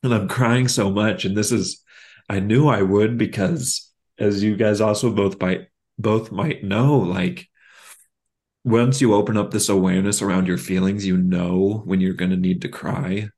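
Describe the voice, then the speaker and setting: Very low-voiced man talking haltingly. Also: steady tone, darkish tone. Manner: halting, frequent fillers and restarts; candid and reflective. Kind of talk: casual podcast conversation.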